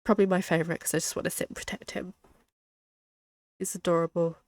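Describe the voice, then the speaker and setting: A woman's voice: fairly low pitch, level tone, quick pace, darkish tone, no echo. A woman streamer chatting casually and amusedly while playing a video game. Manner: chatty, giggly, amused commentary. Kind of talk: casual gameplay chat.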